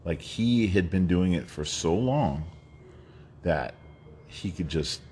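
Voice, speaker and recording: A man from New York in his fifties speaks slowly in a low, expressive, somewhat mellow voice, with a little hiss or hum in the audio. As a guest sharing his life story, he rambles casually, laughs often, and uses many fillers and restarts.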